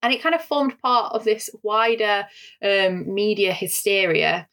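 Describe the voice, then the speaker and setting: A woman's voice: medium pitch, unhurried, fairly bright tone. A woman with a Northern English accent, co-hosting a film podcast and explaining history in an articulate way with frequent fillers. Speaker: podcast co-host.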